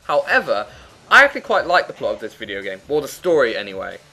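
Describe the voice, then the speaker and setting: A man's voice: mid-range voice, wildly swooping pitch, fast talker, sharp tone, rough recording. A man giving casual, opinionated let's play commentary in a chatty way. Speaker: gaming commentator and player. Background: faint game music and sound.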